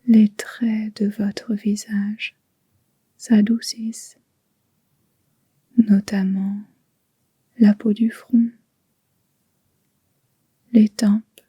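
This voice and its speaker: In a recording with no echo, a female yoga nidra guide murmurs a guided relaxation, her mid-range voice soft, breathy and almost a whisper. The pace is slow and gentle, the tone stays level, and long pauses separate her phrases.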